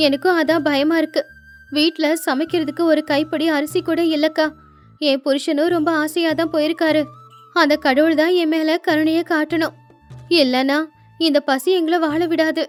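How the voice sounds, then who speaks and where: A woman's voice: high voice, flat delivery, normal speed, faint music behind, lightly acted. A woman voicing a poor, devoted young wife in a storybook tale, talking in a tender, pleading tone. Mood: worried.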